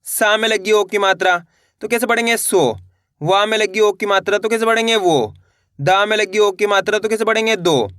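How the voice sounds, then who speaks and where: Man, reading teacher, high voice, patient, spells out each letter slowly. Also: fairly bright tone, no room sound, studio quality. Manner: patient, repeats each step, asks the viewer questions. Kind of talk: slow spelled-out reading lesson.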